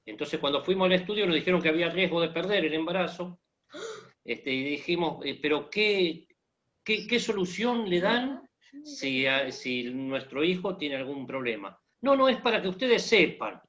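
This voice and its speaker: He is an Argentine guest in an online conversation, speaking in a slightly high, animated voice at a normal speed with a fairly bright tone. Casual and joking, he leans heavily on fillers in his Argentine Spanish accent, and the sound is lo-fi.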